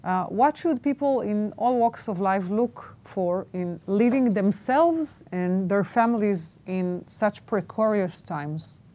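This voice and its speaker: Halting woman interviewer. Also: mid-range voice, lively intonation, warm tone. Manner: halting, with many fillers. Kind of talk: interview questions.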